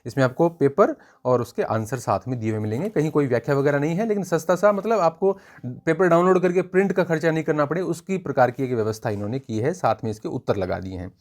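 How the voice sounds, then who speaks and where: In a fast, expressive delivery with few pauses, a man walks through an exam-prep book review, explaining each point informally and often restating things. His voice is fairly high and a little mellow.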